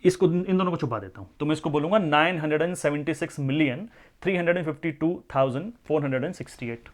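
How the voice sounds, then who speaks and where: Hindi math teacher, quizzing the class. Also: male voice, on the high side, quick pace. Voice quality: code-switches into English for number words. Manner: explains step by step, often asks the class questions. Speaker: maths teacher. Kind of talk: classroom lecture.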